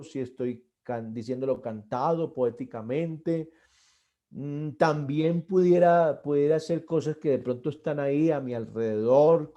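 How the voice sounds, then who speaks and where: A middle-aged man giving a church arts lesson on stage performance, earnest, often repeating and restarting his words and pushing key points louder. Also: a little high, muffled recording. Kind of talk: classroom lecture on stage performance.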